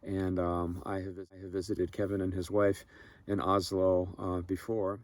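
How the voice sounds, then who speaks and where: A man hosting a casual outdoor video update from a bike tour. He talks in a relaxed way with many filler pauses. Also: deep voice. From Minnesota, United States. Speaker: vlog host on a bicycle tour. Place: outdoors by a lake in the rain.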